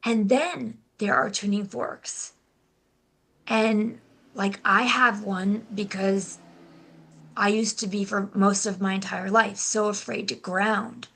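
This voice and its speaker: A young adult woman speaking as a guest in a casual interview, often restarting her sentences and filling pauses with "like". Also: mid-range voice, fairly even intonation, gravelly, a bit bright. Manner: halting, restarts, many "like" fillers. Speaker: guest, intuitive healer and life coach.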